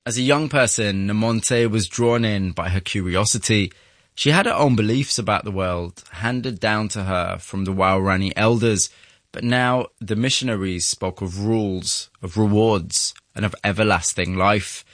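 A man hosting and narrating in a studio, with a measured storytelling delivery. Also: on the low side, fairly bright tone, no room sound. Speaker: host and narrator. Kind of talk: scripted documentary narration and interviewing.

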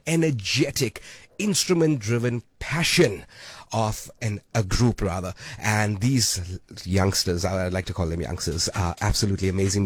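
Upbeat radio host. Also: male voice, on the low side, no echo. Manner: upbeat, hyping, quick asides. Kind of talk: lively radio presenting. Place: radio studio. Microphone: studio microphone.

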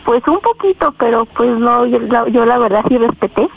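Mexican teen girl on the phone, gravelly, fairly high, lots of "pues", tinny line with faint hiss. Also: animated, normal speed. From Estado de México. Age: teenager. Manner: hesitant, full of fillers. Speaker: caller. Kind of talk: telling her story to a radio host.

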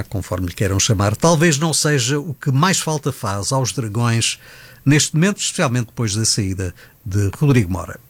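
A man's voice: mid-range voice, dry recording. A man hosting a sports radio show, chatting casually and agreeing with his panel. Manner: conversational, agreeing, uses fillers.

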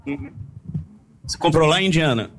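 A Brazilian man with a high voice does a live field report outside a stadium. He talks in a chatty way and fires quick questions at the fans he stops. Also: big pitch swings, creaky, a bit bright. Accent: Brazilian Portuguese. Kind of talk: live street interviews.

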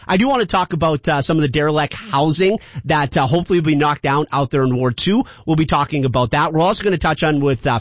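Brief: male talk radio host, friendly and conversational, slightly high, dry studio, a little dull. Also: no echo. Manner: friendly, conversational, brisk wrap-ups.

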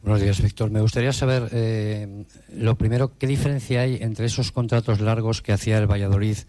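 A man's voice: fairly low pitch, steady tone, brisk, warm tone, no echo. A man, a journalist, politely putting methodical questions at a press conference.

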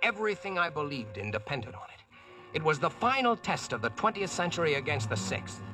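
A cocky wisecracking Yankee. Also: male voice, on the high side, big pitch swings, a little fast, over music. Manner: cocky, slangy storytelling. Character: brash wisecracking male American narrating his own adventure. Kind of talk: 1940s radio acting.

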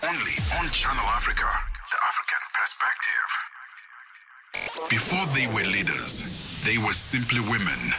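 A man reading scripted radio station promos in a smooth, lilting delivery. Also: lowish voice, big pitch swings, moderate pace. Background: loud music.

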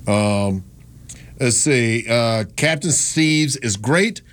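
This Gastonia, North Carolina man speaks very slowly in a medium-pitched, fairly bright voice on his studio-mic talk radio show. He rambles through listener texts in casual, self-deprecating chat.

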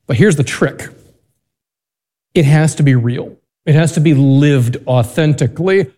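A man, a priest reading the Gospel and giving a homily in a measured, deliberate way, his voice ringing with cathedral echo. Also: a little high, warm tone. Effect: cathedral echo, long reverb of a large church. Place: large church. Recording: long church reverb.

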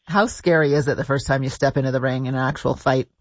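A man's voice: medium pitch, steady tone, fast talker, dry recording, dull audio. A male radio host asking friendly, chatty interview questions.

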